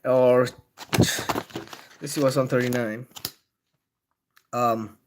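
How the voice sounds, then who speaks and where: Over some background noise, a mid-range male voice with fairly even intonation moves very slowly. He's a rambling, laughing Bengali-accented host from Bangladesh, reviewing a book during a casual livestream, irreverent in his asides and louder and declamatory whenever he reads from the text.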